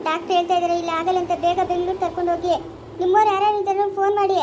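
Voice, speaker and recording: A woman as a brisk hospital nurse who gives firm, impatient orders, with a rural Chikkaballapura Kannada accent. The voice is very high and flat, and the orders come in a hurry in a homemade family skit. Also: a little hiss or hum. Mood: urgent firm.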